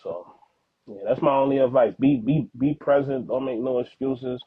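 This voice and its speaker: Medium-pitched and slightly rough, this young man talks at a moderate pace with no echo. He's a podcast guest and father of Haitian background living in the US, a native Haitian Creole speaker, speaking earnestly in slang with words repeated for emphasis in a casual, heartfelt interview, captured as dry, phone-like narrow-band audio.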